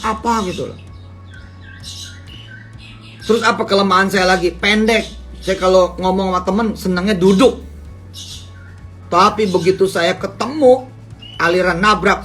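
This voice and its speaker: A middle-aged man with a nasal voice, preaching in a casual, joking way and asking the audience questions. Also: sits high. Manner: lively, jokey, asks the audience questions. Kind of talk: casual Islamic teaching talk.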